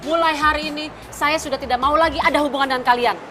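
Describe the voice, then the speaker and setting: A woman's voice: sits high, fairly even intonation, fast, over loud music, natural voice. A middle-aged actress playing a wealthy, stern mother who gives firm, commanding orders. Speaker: boyfriend's mother, employer.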